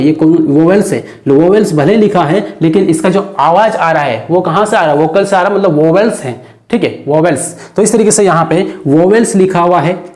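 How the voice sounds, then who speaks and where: A grammar teacher talks through an exam-prep lesson in a roomy, echoing space. The pitch sits in the middle range. Each point comes as a question to the class, then the teacher answers it and repeats the key word. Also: a little mellow. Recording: echoey room.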